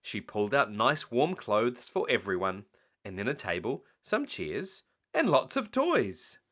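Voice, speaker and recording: A man reads a picture book aloud as a bedtime story, slowly and expressively, his pitch swinging lively throughout.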